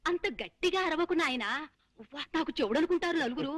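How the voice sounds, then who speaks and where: A woman's voice: sits high, lively intonation, fast talker. An actress playing a frail, hard-of-hearing old mother who fusses and dotes in a film comedy scene. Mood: fussing. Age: older. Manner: plaintive, coaxing, calls everyone dear.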